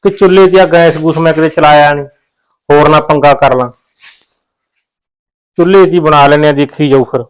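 A man's voice: on the high side, fairly even intonation, brisk, long pauses, clear, resonant tone, natural voice. An actor playing a worried village man with a Punjabi accent, muttering to himself. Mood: fretting. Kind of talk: village short film acting.

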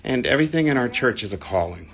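A man in his forties who is losing his voice leads a live-stream tour through an indoor church hallway, phone held at arm's length, reading viewer comments aloud. He chats casually, fast and fairly bright-toned, with lively intonation at medium pitch.

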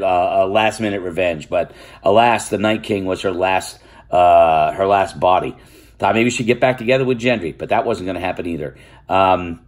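An older male vlogger with a lowish voice rants casually and with animation about his opinions. Exasperated, he swears freely between fillers.

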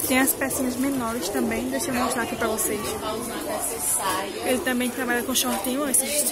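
A woman chatting through a shopping vlog at a market stall, recorded on a handheld phone and constantly checking in with viewers. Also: fairly high pitch. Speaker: vlogger showing wholesale suppliers. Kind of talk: casual shopping vlog walkthrough. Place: indoor clothing market stall. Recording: loud market crowd and music.

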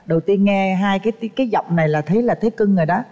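A woman's voice: mid-range voice, fast talker, big-room sound, highs cut off. Effusive woman co-hosting a dating show. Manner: warm, teasing, effusive. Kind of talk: casual chat.

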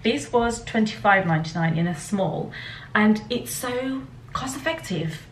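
A young woman with a Yorkshire accent talks casually about her clothing purchases, chatty and easygoing. Her voice sits at an ordinary pitch and is picked up from a step back in a roomy home space. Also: animated, unhurried, slight background noise. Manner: chatty, with light laughs and small restarts. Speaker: fashion vlogger. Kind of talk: casual try-on haul talk. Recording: roomy, slightly distant home recording.

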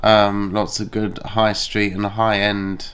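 A man, the vlogger's travel companion, giving his thoughts in a measured, casual way. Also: lowish voice, monotone, a bit bright, clear, resonant tone. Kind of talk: casual chat.

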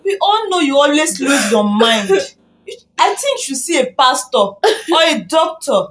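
An actress playing a blunt young friend with a Nigerian accent who speaks frankly and scoldingly in a film drama. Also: female voice, high-pitched, very animated, normal speed, a bit bright.

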